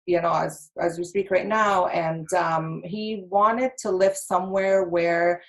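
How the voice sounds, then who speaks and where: A woman's voice: fairly low pitch, steady tone, takes it slowly. Bubbly Egyptian-born woman guest. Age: 30s. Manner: bubbly, laughs easily, many fillers. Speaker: podcast guest. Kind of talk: casual interview talk.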